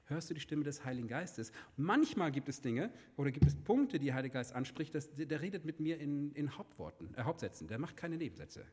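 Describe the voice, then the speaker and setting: Husky-voiced man preaching in a hall. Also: a little high, very animated, brisk, few pauses. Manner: questioning, drops to soft hushed tones for God's words. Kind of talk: sermon.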